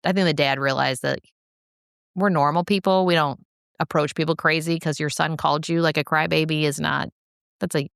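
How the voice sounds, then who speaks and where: A woman's voice: low-pitched, a little fast, creaky, smooth, no room sound, studio quality. A middle-aged woman co-hosting a podcast, telling a family story in casual chat, laughing often and acting out the people she quotes. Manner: animated, laughing, acts out quoted speech. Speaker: podcast co-host.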